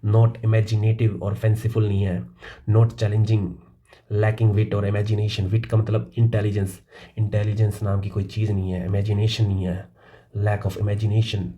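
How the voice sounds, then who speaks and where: A man teaching English vocabulary, explaining words casually in Hindi and reading English definitions slowly. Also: on the low side, little pitch movement, warm tone. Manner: calls listeners "भाई".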